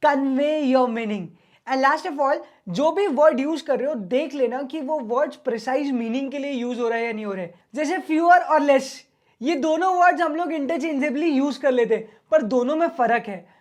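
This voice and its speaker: A male teacher gives an online exam-prep lecture in a very high voice. He talks to his students in a loose, friendly way and switches back and forth between Hindi and English. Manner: casual, chatty, mixes Hindi and English.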